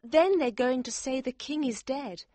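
A pale, frightened young woman who pleads urgently, as a woman acts her out. Her voice sits high and anxious. The recording is close and dry. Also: a little slow, warm tone, dry recording. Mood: urgent warning.

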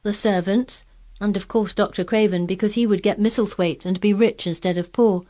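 A woman's voice: medium pitch, steady tone, moderate pace, warm tone, voice pushed up, natural voice. A woman reading aloud, voicing a sickly, spoiled boy who talks restlessly and resentfully.

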